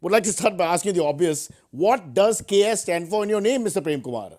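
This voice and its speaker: A man's voice: high-pitched, expressive, fairly quick, background noise. A man with an Indian accent hosting as a parody news anchor, mock-serious with sarcastic asides. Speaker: host of a news satire show.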